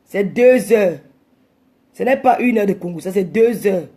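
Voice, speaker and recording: A woman hosting a live stream, ranting and scolding her rivals combatively, sometimes shouting. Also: medium pitch, expressive, a little slow.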